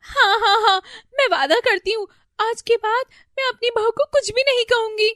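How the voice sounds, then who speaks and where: This is a woman performing the part of a worried older mother-in-law from a storybook, one who panics at little and wails and pleads in a shrill voice. The pace is normal, and the studio-quality audio has no echo.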